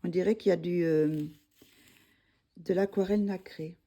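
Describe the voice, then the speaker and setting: A woman chats at home about her finished coloring pages. Her voice sits low and sounds warm and mellow. She keeps pausing on fillers and correcting herself as she goes. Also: fairly even intonation. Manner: hesitant, many fillers and self-corrections. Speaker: coloring hobby vlogger. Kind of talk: casual show-and-tell of finished coloring pages.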